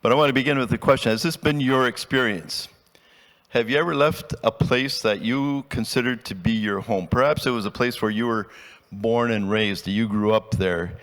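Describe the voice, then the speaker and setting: An older man, raised in Ecuador, giving a conversational sermon as a pastor and telling personal stories with halting restarts. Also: mid-range voice, fairly bright tone. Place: church sanctuary. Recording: long hall reverb.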